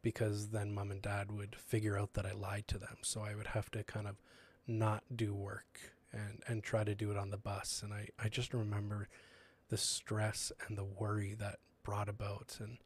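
A young man speaks in a low, fairly flat voice, giving a casual sermon. He talks in an earnest, conversational way, with plenty of ums and restarts as he works through his thoughts. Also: normal speed. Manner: earnest and conversational, many fillers.

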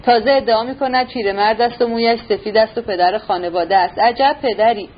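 A woman voicing an angry young man who sneers and shouts. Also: fairly high pitch, lo-fi sound, close to an everyday voice. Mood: bitter.

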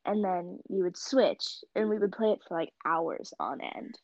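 A teenage girl chatting casually and telling stories with lively gasps and laughs. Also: lowish voice, measured pace, no room sound. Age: teens. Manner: animated storytelling with gasps. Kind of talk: casual chat. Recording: dull lo-fi mic.

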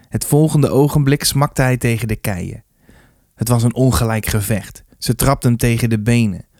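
A man's voice: medium pitch, darkish tone, no room sound. Man reading a story in a dry room. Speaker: reader.

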